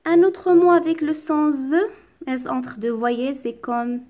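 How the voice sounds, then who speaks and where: A woman teacher giving a lesson, reading short sentences aloud and slowly repeating words with careful articulation. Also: high voice, warm tone. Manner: slow, articulated dictation-like delivery, repeating words. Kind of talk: slow, careful classroom reading and explanation.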